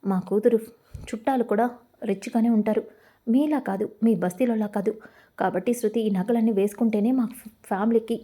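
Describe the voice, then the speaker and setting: A woman's voice: a little high, steady tone, brisk, warm tone, lightly acted. A woman voicing a rich, condescending mother who looks down on others. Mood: haughty. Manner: condescending, showy.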